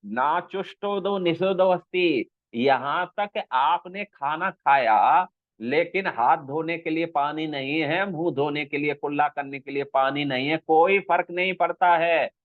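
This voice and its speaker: Slow, tinny-sounding male spiritual teacher. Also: fairly high pitch, no room sound. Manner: slow, explanatory, checks with listeners; intones Sanskrit verses. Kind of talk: scriptural discourse. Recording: dry, tinny phone-like sound.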